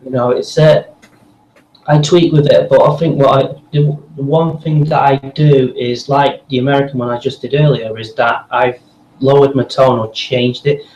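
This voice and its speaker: This man talks in a rambling, enthusiastic way, full of fillers, at a middling pitch. His voice carries a roomy echo. A faint noise sits underneath. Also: steady tone, normal speed, a little mellow. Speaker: podcast guest, voice actor. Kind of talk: casual interview chat.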